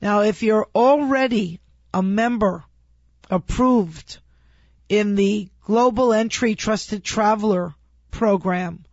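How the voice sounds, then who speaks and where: A woman's voice: medium pitch, takes it slowly, a little mellow, dry recording, lo-fi sound. A woman hosting a radio travel show, speaking in an informative, friendly way.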